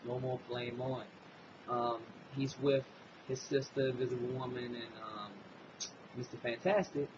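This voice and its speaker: A man's voice: medium pitch, fairly even intonation, unhurried. A man chats through a comic book review in a loose, rambling way, leaning on fillers as he retells the story. His voice sits in an ordinary middle range. The audio is muffled and lo-fi, with noticeable noise underneath.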